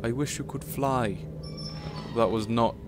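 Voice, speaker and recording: A man with a medium-pitched voice and measured pace commentates casually on his gameplay for a let's play, chatty and self-deprecating, swearing at himself whenever he gets stuck. Game music plays in the background.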